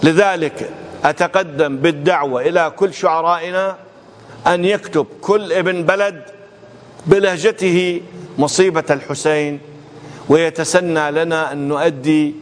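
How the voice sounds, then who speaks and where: A man's voice: a little high, normal speed. A man giving a televised lecture on religious oratory. He speaks with emphasis and acts out word pronunciations aloud to make his points. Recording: long hall reverb, faint background noise.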